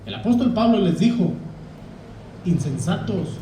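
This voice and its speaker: A man's voice: sits high, expressive, unhurried, mellow, a little hiss or hum. A man, a pastor giving a folksy, conversational sermon and often addressing the congregation as brothers. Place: church hall. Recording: echoey church hall, distant mic.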